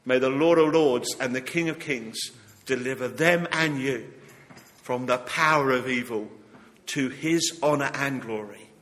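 A man preaching a sermon at a pulpit microphone in a church. He talks earnestly and drops to a hush on key words. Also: medium pitch, unhurried. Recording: long church hall reverb.

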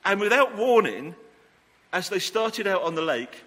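A man's voice: sits high, sing-song, a little slow, a bit bright. A man preaching an all-age sermon in a church, telling the story playfully, joking and coaxing volunteers to act it out. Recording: long church reverb, faint background noise.

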